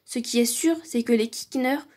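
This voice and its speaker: Woman story reader, high husky voice, lively expressive read-aloud. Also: moderate pace. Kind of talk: reading a children's picture book aloud.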